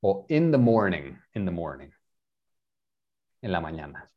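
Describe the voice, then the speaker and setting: Male English tutor, patient, lively pitch. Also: moderate pace, highs cut off. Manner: patient, switches between English and Spanish, repeats and explains. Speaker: English teacher. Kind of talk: online bilingual English lesson.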